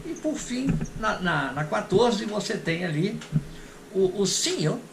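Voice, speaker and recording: A man whose first language is Portuguese, teaching English pronunciation and repeating example phrases slowly and patiently. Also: sits high, animated. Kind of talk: recorded English pronunciation lesson. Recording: echoey room with faint noise.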